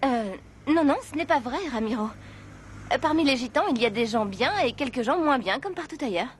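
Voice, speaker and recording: A woman's voice: high voice, lively intonation, fairly quick, slight background noise. An actress playing a flustered, evasive mother in a dubbed telenovela, speaking hesitantly and stammering. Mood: hesitant, confessing.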